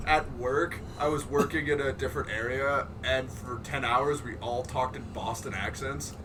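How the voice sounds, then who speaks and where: A man's voice: medium pitch, steady tone, moderate pace, far from the mic, background noise. A young man in casual chat as podcast co-host, rambling and stumbling. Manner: rambling, stumbling, restarts often. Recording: voice from away from the mic.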